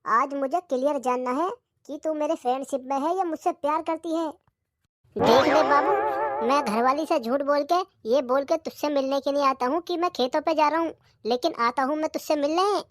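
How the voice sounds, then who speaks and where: Voice actor as cartoon village man, lovesick, pleading, high-pitched, dry close sound. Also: moderate pace, no echo, lightly acted. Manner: pleading, boastful. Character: lovesick village man cheating on his wife.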